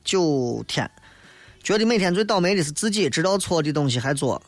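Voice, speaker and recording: A man's voice: a little high, expressive, brisk, no room sound. A man with a Shaanxi accent hosting a casual late-night radio show, talking in a blunt, colloquial, philosophizing way as he chats with listeners. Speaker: radio host.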